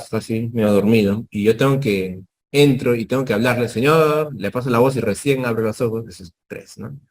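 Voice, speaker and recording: A man teaching a medical lesson, explaining step by step, ending phrases with tag questions and acting out short exchanges with patients. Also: medium pitch. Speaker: medical lecturer.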